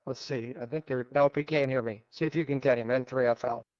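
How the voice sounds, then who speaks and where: A man's voice: mid-range voice, steady tone, a little fast, a little mellow, dry recording. A man running an amateur radio net, heard over a radio transmission, talking in an easygoing, rambling way. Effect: heard over a ham radio transmission. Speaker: net control operator. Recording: dull, lo-fi radio audio.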